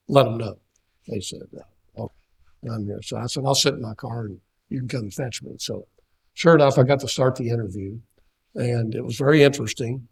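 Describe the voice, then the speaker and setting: A man's voice: medium pitch, a little mellow, slightly rough. An older man from Kentucky giving a seminar talk, telling a rambling personal story full of fillers and restarts. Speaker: seminar speaker. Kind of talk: anecdotal talk.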